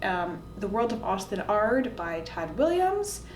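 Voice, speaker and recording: This book-reviewing video host speaks in a sing-song voice at a measured pace, casually talking to camera and giving her opinionated recommendations. A roomy echo, faint noise and some rumble mark the recording.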